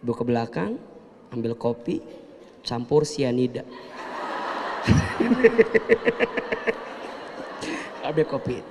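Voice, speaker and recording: A man with a Sundanese-tinged Indonesian accent preaching a lively sermon to women, joking and acting out little dialogues in shifting voices. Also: mid-range voice, very slow, long pauses, background noise. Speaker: ustadz preacher. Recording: reverberant hall.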